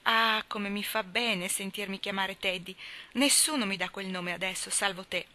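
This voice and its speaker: A playful, mischievous young man, voiced by a woman reading a novel aloud. He jokes in a jaunty way, and the tone stays bright. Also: mid-range voice, moderate pace, close to an everyday voice. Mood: amused. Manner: jaunty, joking.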